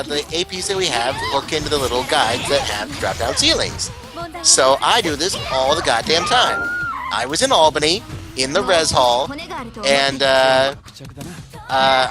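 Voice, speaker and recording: A young man telling a story in a casual podcast chat, animated and laughing often. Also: a little high. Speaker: podcast co-host. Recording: clear background music.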